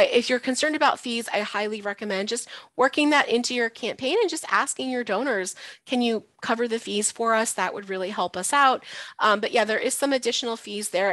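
A woman's voice: medium pitch, a bit bright, no room sound. Woman hosting a webinar Q and A. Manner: friendly, frequent "um" fillers. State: losing her voice. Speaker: webinar presenter. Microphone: video call.

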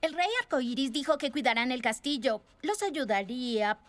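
High, affected cartoon princess. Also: female voice, lively intonation, normal speed, fairly bright tone. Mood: breezy, doting. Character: haughty young cartoon princess, doting on her pet. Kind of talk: animated children's show dubbing.

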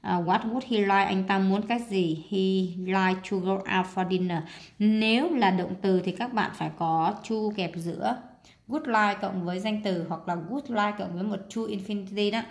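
A woman English teacher with a Vietnamese accent, working through a workbook exercise and talking as she writes, with pauses and fillers. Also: medium pitch. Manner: talks while writing, with pauses and fillers. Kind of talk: casual workbook walkthrough.

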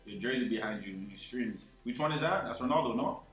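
Bright-voiced easygoing young man, roomy echo. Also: medium pitch. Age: 20s. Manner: easygoing, modest, halting. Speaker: guest. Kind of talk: casual gaming chat. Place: bedroom streaming setup, indoors. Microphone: gaming headset.

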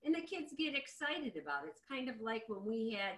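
Her voice sits on the high side, pushed and bright, very animated and a little fast. She's a middle-aged woman presenting an informal cooking demonstration by video call, explaining things conversationally from her home kitchen. The device across the counter picks up roomy, echoey audio.

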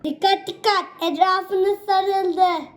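A high-voiced performer playing a male police officer, calling out a slow, drawn-out announcement through a megaphone. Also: fairly even intonation, background noise. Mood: commanding.

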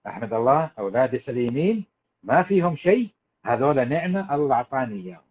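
A man's voice: medium pitch, fast, slightly rough, muffled recording. A man giving a live parenting talk, preachy and emphatic, speaking straight to his listeners. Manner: animated, preachy, emphatic, addresses listeners directly. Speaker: parenting coach.

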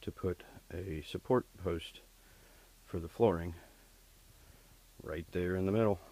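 An HVAC technician with a low, dark, husky voice walks through a hands-on repair step by step, unhurried and plain-spoken, with plenty of fillers. He holds the camera himself while working in a basement furnace area and on a workshop floor, and the recording is rough.

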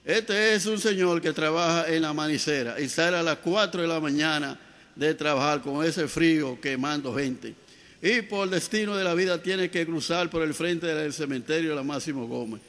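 Gravelly Dominican joke teller. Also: male voice, fairly high pitch, normal speed. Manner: gravelly, lively comic delivery with sound effects. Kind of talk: told jokes, storytelling.

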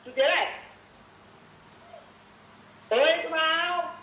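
Man faking a high, stammering kid on the line, roomy echo. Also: takes it slowly, bright, forceful tone, far from the mic, muffled recording, a little hiss or hum, exaggerated voice. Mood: squeaky pleading. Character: young boy caller calling himself nephew.

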